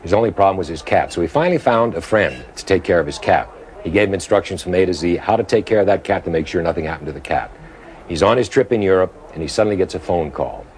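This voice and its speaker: A man's voice: sits low, animated, fast talker, darkish tone, a little hiss or hum. A man telling a joke as a story, who raises his voice to act out the characters' lines. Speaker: joke teller.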